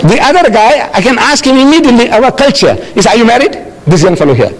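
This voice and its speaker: Fielding audience questions at a lecture, this older South African man talks fast in a very high-pitched voice. He is animated throughout and tells stories in which he acts out the dialogue.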